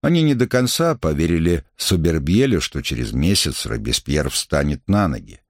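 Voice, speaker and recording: A man narrating a historical novel in a measured, literary way. His voice is very deep, and its pitch moves a lot as he reads. The recording is dry and close, with no room sound. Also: very animated, no room sound. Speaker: audiobook narrator. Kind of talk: scripted narration.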